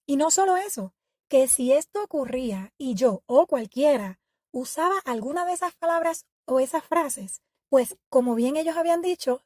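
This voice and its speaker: A woman hosting an educational podcast, reading a scripted narration in a measured, reflective and explanatory way. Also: high-pitched, mellow, no echo, studio quality. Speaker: podcast host.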